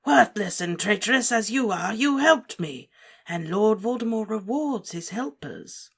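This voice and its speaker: A woman voicing a cold, cruel male dark wizard lord, speaking softly, slowly and with deliberate menace. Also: mid-range voice, animated, husky, voice pushed up. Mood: menacing. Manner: soft, menacing, slow and deliberate.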